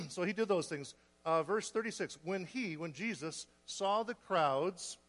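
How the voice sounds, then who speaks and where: A man preaching a sermon, earnest and a bit short of breath, restarting phrases and clearing his throat. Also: on the high side, a bit bright, long reverb tail. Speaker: guest preacher.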